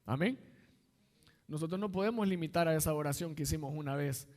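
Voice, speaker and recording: A man's voice: a little high, fairly quick, darkish tone, in a large hall. A man, an assistant pastor, preaching a sermon in a conversational way and weaving in personal stories.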